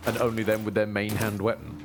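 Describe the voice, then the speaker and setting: A man's voice: on the low side, flat delivery, fast talker, background noise. A man giving casual gameplay commentary as a streamer. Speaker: video game streamer. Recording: game music clearly behind voice. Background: game music.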